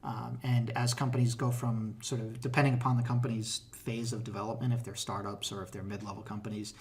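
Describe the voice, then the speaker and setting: A middle-aged tech hiring manager from the Boston accent region talks a little fast in a mid-range voice. He gives advice in an easygoing interview, often using fillers and restarting sentences.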